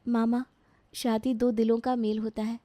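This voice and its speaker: Brief: woman voicing a sweet young bride, soft, mellow tone, dry close sound. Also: on the high side, flat delivery, moderate pace, no echo, lightly acted. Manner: polite, soft. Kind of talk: storybook voice acting.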